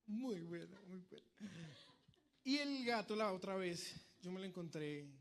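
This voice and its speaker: Young man, high-pitched preacher, lively storyteller who acts out scenes mid-sermon. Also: a little slow.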